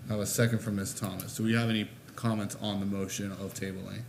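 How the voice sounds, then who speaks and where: Low-voiced man chairing a meeting. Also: fast, creaky. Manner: relaxed, jokes between procedure. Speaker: board chair. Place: city council chamber. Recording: noisy meeting room audio.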